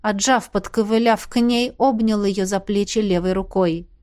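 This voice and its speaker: A woman reading an audiobook in a steady, tense storytelling manner. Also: medium pitch, normal speed. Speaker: audiobook narrator. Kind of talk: scripted narration.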